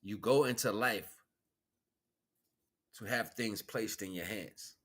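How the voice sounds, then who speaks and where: Slow and lowish-voiced, an American livestream host preaches informally on spiritual matters. His delivery is animated and colloquial, full of repeated phrases.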